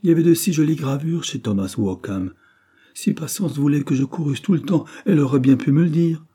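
A man's voice: medium pitch, moderate pace, husky, close to an everyday voice. Man voicing Anna, a timid young girl. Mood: sobbing. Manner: soft, pleading.

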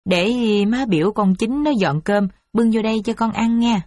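A woman's voice: fairly high pitch, moderate pace, a little mellow, no echo, studio quality, natural voice. A woman doing an anxious coaxing mother. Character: worried, gentle mother of a wealthy household.

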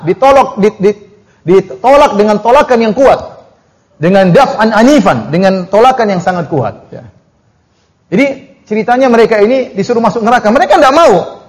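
Male preacher, higher register, animated exegesis with recited verses. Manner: animated, mocking asides, slow chanted Arabic recitations. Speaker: Islamic preacher. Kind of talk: Quran exegesis lecture.

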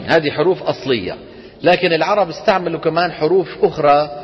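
A man with a Levantine Arabic accent teaching a class, often stopping to quiz his students. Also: on the high side. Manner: quizzes students with frequent questions. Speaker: Quran recitation teacher. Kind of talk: classroom lesson. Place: lecture room with students. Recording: dull lo-fi recording in a reverberant hall.

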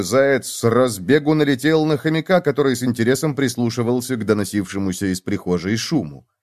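A male narrator reading a scripted children's audiobook. His telling is expressive, his pitch moving up and down freely as he tells the tale. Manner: expressive storytelling.

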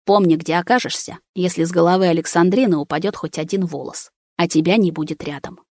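A woman's voice: on the low side, fairly even intonation, fairly quick, darkish tone, no echo, close to an everyday voice. A woman voicing a cold, menacing ancient male being who speaks in clipped, commanding phrases. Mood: icy.

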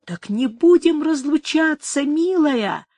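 An impassioned young nobleman in a storybook reading, exclaiming his lines slowly and fervently, as a woman reader puts him on. The voice sits fairly high and is recorded dry and close. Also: a bit bright, no echo. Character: passionate young nobleman lover. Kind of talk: dramatic audiobook reading.

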